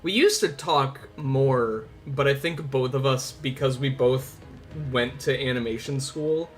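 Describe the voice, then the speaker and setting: Background music accompanies a casual livestream chat in which a male host in his twenties rambles informally to viewers and swears at times. He speaks unhurriedly in a mid-range voice.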